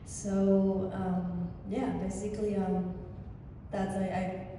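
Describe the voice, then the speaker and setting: A woman's voice: medium pitch, slow pace, slight background noise. Chilean woman talking in a distant echoey hall. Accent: Chilean Spanish. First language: Spanish. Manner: animated, many fillers and restarts. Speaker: guest artist. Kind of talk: casual talk to an audience. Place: church hall.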